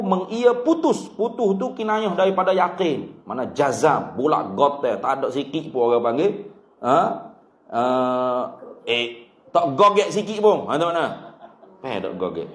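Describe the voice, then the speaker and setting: A man's voice: a little high, echoey room. A man with a Kelantanese Malay accent teaching a religious study class, joking and drilling terms by repeating them. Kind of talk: kitab study class lecture.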